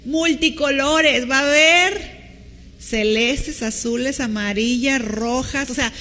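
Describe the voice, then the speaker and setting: A woman's voice: high-pitched, slow pace, sharp tone, big-room sound, a little hiss or hum. A woman pastor with a Mexican Spanish accent, preaching a teacherly sermon and asking the congregation questions. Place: church hall with long reverb.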